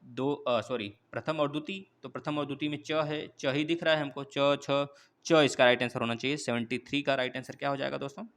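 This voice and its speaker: A man's voice: medium pitch, steady tone, a little fast, fairly bright tone. A man teaching an exam-prep quiz class, going through questions one by one and coaxing viewers for answers. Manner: repetitive, coaxing, addresses viewers as friends.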